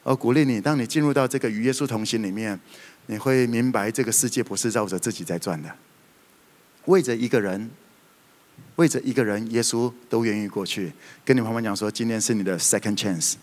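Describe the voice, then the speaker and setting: A man preaching a sermon, telling stories in a lively way with sudden loud outbursts. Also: lowish voice, brisk. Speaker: pastor. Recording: reverberant hall.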